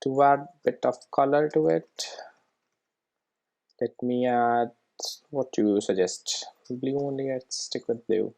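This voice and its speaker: This software tutorial presenter explains each step casually and regularly checks that the listener is following. A gravelly, medium-pitched voice takes its time, leaving long pauses.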